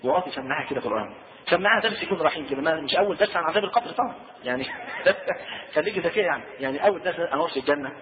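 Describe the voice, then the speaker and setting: Man, Egyptian accent, preacher, very rapid delivery, tinny phone-like sound. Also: a little high, animated, crowd noise. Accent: Egyptian Arabic. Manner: chatty, keeps asking rhetorical questions. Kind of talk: colloquial religious lesson. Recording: tinny lo-fi roomy recording.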